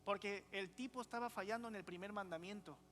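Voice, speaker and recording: Bright, high-voiced male preacher. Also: fast talker, soft background music. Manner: lively preaching, asks the congregation for replies. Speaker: pastor. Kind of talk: conversational sermon. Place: church sanctuary.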